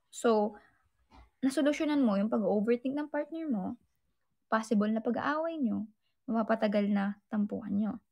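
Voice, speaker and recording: Young female vlogger, gravelly edge, candid advice-giving chat. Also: mid-range voice, a little mellow. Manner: candid, advice-giving, mixes English into Tagalog. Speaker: vlogger answering viewer questions. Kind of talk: casual chat.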